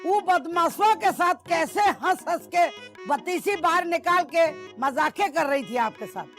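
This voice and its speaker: A suspicious scolding wife. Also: female voice, extremely high pitch, expressive, unhurried, soft background music, full character voice. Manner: scolding, sharp-tongued. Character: scolding suspicious wife of a middle-aged man. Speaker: actor. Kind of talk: TV drama acting.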